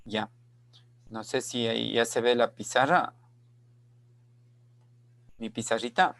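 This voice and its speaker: A man teaching an online class, explaining slowly and repeating key phrases while checking that students follow. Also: medium pitch, creaky, a bit bright, no room sound. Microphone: video call.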